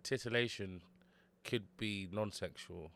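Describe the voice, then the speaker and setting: A man co-hosting a podcast, chatting casually and telling stories with a joking, animated manner. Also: on the low side, unhurried, vocal fry, no echo. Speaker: podcast co-host. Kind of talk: casual chat.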